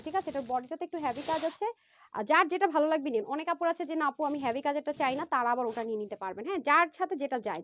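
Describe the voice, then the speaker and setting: A woman selling clothes on a live phone stream, chatty and excited, talking straight to viewers. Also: sits high. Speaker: online clothing seller.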